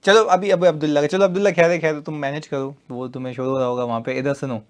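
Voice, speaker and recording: Live online class में ऊँची आवाज़ वाला पाकिस्तानी उर्दू लहजे का पुरुष शिक्षक. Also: male voice, a little high, fast talker, clear, resonant tone. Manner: lively, teasing, switches between loud emphasis and quiet asides. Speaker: teacher. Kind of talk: live online class.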